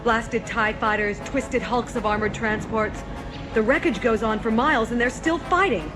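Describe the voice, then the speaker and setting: An actress playing a determined, plucky princess gunner in a science fiction audio drama, earnest and dramatic. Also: female voice, fairly high pitch, normal speed, music in the background, natural voice. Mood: wry, tense. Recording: loud orchestral score behind.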